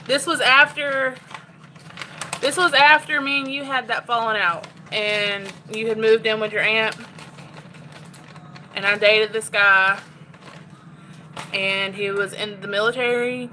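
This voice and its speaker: A woman's voice: fairly high pitch, sharp tone, slight background noise, low-quality recording. A woman chatting candidly to her phone while cooking in her home kitchen. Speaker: cooking vlogger. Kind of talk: casual chat while cooking.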